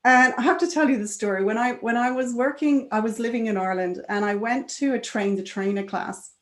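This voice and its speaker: Speaking a little fast in a roomy-sounding space, a woman with a higher-pitched voice delivers a conference talk. It feels like conversation, sprinkled with tag questions and the odd laugh.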